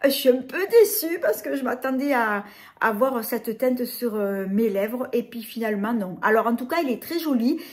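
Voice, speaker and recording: A woman's voice: on the high side, animated, moderate pace, darkish tone. Hesitant French woman reviewing makeup. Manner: hesitant, many fillers and restarts. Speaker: beauty vlogger. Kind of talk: casual product review.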